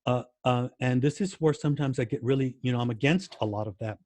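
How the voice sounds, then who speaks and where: A man's voice: mid-range voice, fast talker, a little mellow, dry recording. An American man answering interview questions in a casual way, with many fillers and restarts and words repeated for emphasis. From United States. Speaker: guest language educator.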